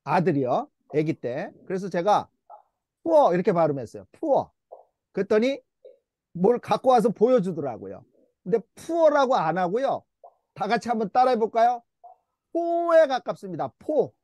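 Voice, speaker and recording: A man's voice: high voice, sing-song, normal speed, mellow, no echo. A middle-aged man teaching an English Bible class at church, patiently coaxing the class to repeat words after him. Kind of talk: church English lesson, call-and-response drills.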